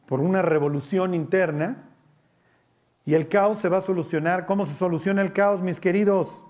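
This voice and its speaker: A man preaching a sermon, asking his listeners questions and acting out the voices he quotes. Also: high voice. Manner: animated, asks the congregation questions and acts out quoted voices.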